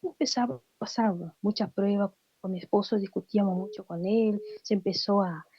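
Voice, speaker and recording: A woman's voice: medium pitch, moderate pace, breathy edge, no echo, highs cut off. A woman giving a heartfelt personal faith testimony, acting out the voices of people she quotes. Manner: emotional storytelling, acts out quoted voices.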